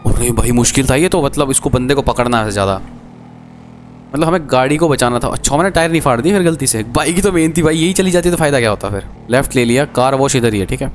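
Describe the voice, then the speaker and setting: A man giving chatty, excitable gameplay commentary as a gaming streamer, talking to his viewers. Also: medium pitch, fast, slight background noise.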